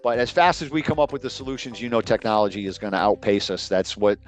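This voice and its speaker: Middle-aged male expert, lowish voice, hesitant and rambling delivery. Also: lively intonation, fast, faint music behind. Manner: hesitant, many ums, trailing off. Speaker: guest expert. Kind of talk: casual online webinar talk.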